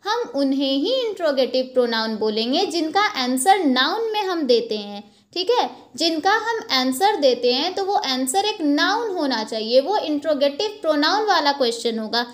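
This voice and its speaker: A young woman teaching an English grammar lesson from slides, explaining slowly and checking in with "ok" after each point. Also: high-pitched, very animated. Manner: slow, explanatory, repeats points with "ok" and "theek hai". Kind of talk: slide-based lesson, Hindi with English terms.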